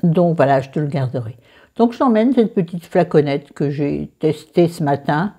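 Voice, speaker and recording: Her voice is low-pitched, mellow and slightly rough, moving at normal speed: a middle-aged beauty vlogger with a southern French accent, casually chatting about her skincare and makeup. She teases herself and speaks to viewers and friends by name.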